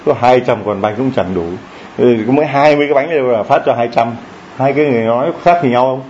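A man preaching a sermon in a lively, joking way, often asking the congregation questions. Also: medium pitch, fast, dull audio, a little hiss or hum. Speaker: priest.

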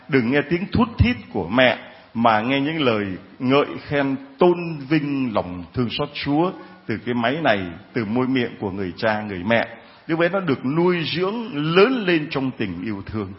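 A man preaching a sermon, his voice at an ordinary middle pitch and captured with a slightly dull, lo-fi quality. He talks in a jovial, teasing way, joking with the congregation as he goes. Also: big pitch swings, normal speed. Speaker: priest.

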